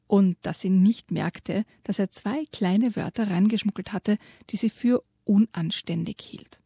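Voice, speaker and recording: A woman's voice: mid-range voice, breathy edge, dry recording, clean studio sound. Woman reading a children's story aloud. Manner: lively storyteller, whispers for suspense. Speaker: guest presenting a children's book.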